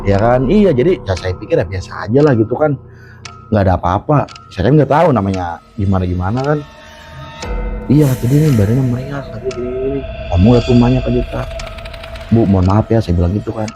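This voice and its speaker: A man's voice: mid-range voice, fairly quick, faint music behind. A man, telling a true horror story in casual chat and acting out the quotes with laughter. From Jakarta. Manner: animated, acts out quotes, laughs often. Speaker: storyteller guest.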